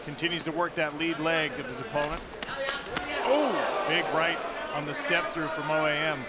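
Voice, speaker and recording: A man's voice: on the high side, little pitch movement, a little fast, very noisy. A man giving live play-by-play fight commentary as a broadcast commentator. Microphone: broadcast commentary microphone. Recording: loud music and crowd behind.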